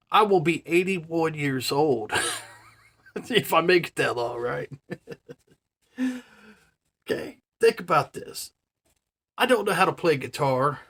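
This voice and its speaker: A man's voice: sits high, a bit bright. A man in his forties talking in a casual, rambling monologue, full of "you know" and "man", with earnest, marvelling emphasis. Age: 40s. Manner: chatty, filler-heavy, says "man" and "you know" a lot. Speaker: vlogger.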